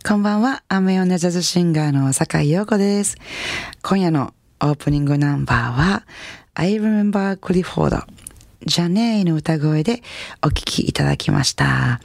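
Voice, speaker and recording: A woman's voice: lowish voice, animated, normal speed, vocal fry, no echo. A woman radio host and jazz singer with a Kansai accent, chatting casually and telling self-mocking stories with lots of fillers. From Kansai region of Japan. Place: radio studio. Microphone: studio microphone.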